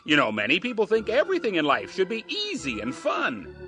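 Bright, lively man, chipper old-time radio host. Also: sits high, brisk, soft background music. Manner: avuncular, addresses children as fellas and gals. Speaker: host of a children's religious radio program.

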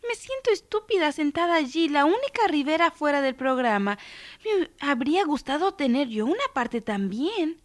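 A woman voicing a young girl who is upset that she lacks musical talent, with a high, pleading voice. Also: big pitch swings, a little slow, no room sound. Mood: complaining.

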